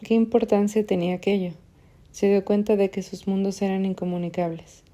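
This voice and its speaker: A woman reading literary fiction aloud as an audiobook narrator, in a measured, even way. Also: medium pitch.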